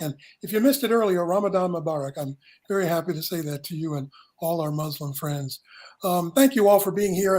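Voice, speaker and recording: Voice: medium pitch, darkish tone. A moderator hosting a televised panel discussion in a polished, welcoming way. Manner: polished, welcoming host patter.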